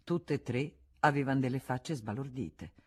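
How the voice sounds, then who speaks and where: A woman reading a classic novel aloud in a measured, expressive way. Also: rumbling low, breathy edge. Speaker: audiobook reader. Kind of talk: literary audiobook narration.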